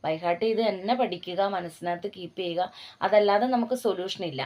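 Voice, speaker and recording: A female tutor from Kerala, giving an exam-prep lesson. She talks in encouraging teacherly asides and reads spellings out slowly, letter by letter. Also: lowish voice, highs cut off. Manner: slow dictation of spellings letter by letter. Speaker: OET tutor.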